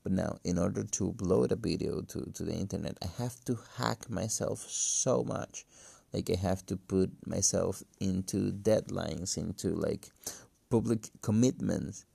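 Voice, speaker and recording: A man who is a non-native English speaker, talking casually and haltingly in a solo podcast, with a cracking voice. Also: low-pitched, gravelly, mellow, breathy edge, no room sound. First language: not English. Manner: halting, hesitant, thinking aloud. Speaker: podcast host. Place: empty room. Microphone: phone.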